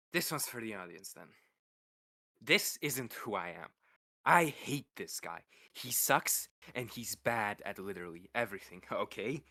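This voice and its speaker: A man voicing a gruff, sardonic young man, a made being, in a monotone, gravelly voice with dry, blunt talk. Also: fairly low pitch, exaggerated voice. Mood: wry.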